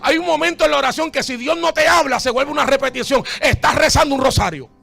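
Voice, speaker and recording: A man preaching a sermon as pastor, swinging from hushed talk to shouts and calling his listeners "amado". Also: very high voice, fast, gravelly, faint music behind. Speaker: bishop, pastor.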